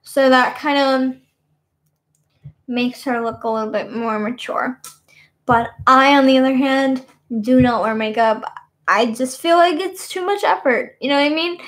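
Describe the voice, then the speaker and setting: A young woman in her twenties talks to her webcam from a small bedroom, her voice sitting high and light. She rambles through casual stories, leaning on fillers like "you know what I mean". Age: 20s. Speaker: streamer. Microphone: webcam at desk.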